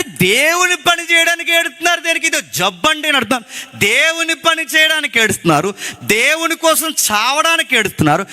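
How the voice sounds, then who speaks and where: A man's voice: very high-pitched, bright, forceful tone. A man preaching a sermon with passion, often putting questions to his listeners. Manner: impassioned, rhetorical questions to the congregation. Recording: long hall reverb.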